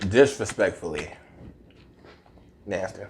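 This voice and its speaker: Slow-talking blunt young woman. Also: very deep voice, lively intonation, a little mellow, slight background noise. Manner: blunt, profane, laughing a lot. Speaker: co-host. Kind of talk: casual chat.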